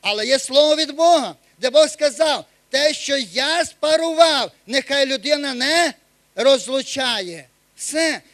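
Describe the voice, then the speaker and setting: A man preaching a sermon as pastor, emphatic and at times near shouting. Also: very high-pitched, dry recording.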